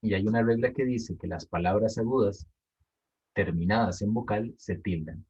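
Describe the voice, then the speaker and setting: Husky low-voiced male teacher. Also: normal speed, a little mellow, highs cut off. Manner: patient, explanatory, repeats key points. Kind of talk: explaining an assignment to students.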